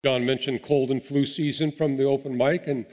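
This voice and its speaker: A man's voice: medium pitch, steady tone, moderate pace, darkish tone. A man preaching a sermon as pastor, earnest and encouraging, with small restarts as he talks. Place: church sanctuary. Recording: long hall reverb.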